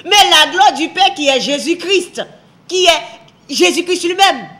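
Emphatic high-voiced woman teaching scripture. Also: animated, a little slow, a bit bright. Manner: emphatic, repeats phrases, asks rhetorical questions. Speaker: Bible teacher. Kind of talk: televised Bible teaching.

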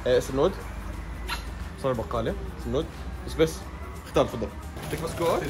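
A man's voice: mid-range voice, quick pace, over loud music. A man in his thirties hosting a family travel vlog, chatting and joking with viewers while filming on a phone. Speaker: vlogger host. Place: moving car, then shop and rented villa. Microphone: handheld phone camera. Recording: loud road noise from a car.

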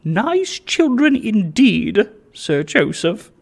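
A haughty old noblewoman, put on by a man reading a storybook aloud, speaks in a shrill voice pitched far above his own. She sounds scandalized and snobbish, her words lifted high and thin. The reading is slow and measured. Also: big pitch swings, creaky, exaggerated voice. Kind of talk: audiobook reading.

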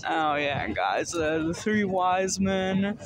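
A man vlogging outdoors at night on a hay wagon ride, narrating in a dry, deadpan, mock-enthusiastic way into a phone camera. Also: high voice, slow pace, crowd noise, poor audio. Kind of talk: casual sarcastic narration. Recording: vehicle noise outdoors.

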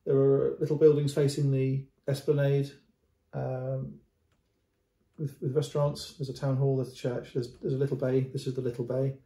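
A middle-aged man with a mellow, relaxed voice talks through a painting for the camera, unscripted, with frequent repeated words and restarts. He is filmed at close range indoors, and the room gives his voice a noticeable echo. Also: mid-range voice, normal speed. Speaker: antiques dealer. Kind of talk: casual video commentary on a painting. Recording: roomy echo.

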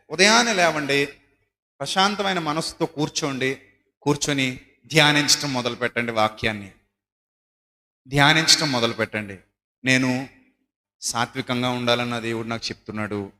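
A male preacher giving an emphatic sermon, rising to loud high exhortation and dropping to low soft asides. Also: moderate pace, pauses often. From South India. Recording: echoey hall.

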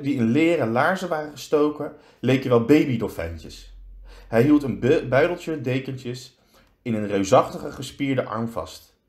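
A man, a teacher, reading a children's story aloud, slowing down for effect. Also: mid-range voice, a little mellow.

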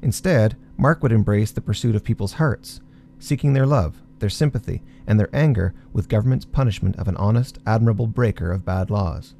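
A man narrating a documentary in a measured, formal script. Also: on the low side, creaky, dark tone.

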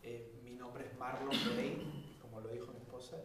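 A man's voice: mid-range voice, steady tone, normal speed, fairly bright tone, very echoey, distant mic. A man from Peru introducing himself as a student, hesitant with many fillers.

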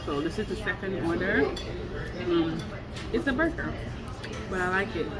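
A woman's voice: lowish voice, animated, moderate pace, over a noisy crowd. A woman in her thirties chatting to the camera in a casual travel vlog, laughing often, filmed on a handheld phone in a car and on a street. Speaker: vlogger. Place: in a car, then outdoors on a town street. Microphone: handheld phone camera at arm's length. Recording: noisy car and street sound.

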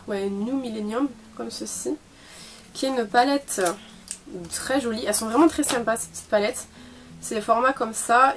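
A woman's voice: fairly high pitch, slight background noise. A young woman chatting casually through a makeup haul from her bedroom, with lots of fillers and small laughs. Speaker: beauty vlogger.

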